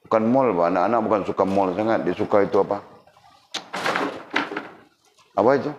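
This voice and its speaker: Very low-voiced male religious teacher, teasing lecture style; roomy, dull lo-fi recording with faint noise. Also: a little fast. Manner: teasing, animated, addresses audience directly.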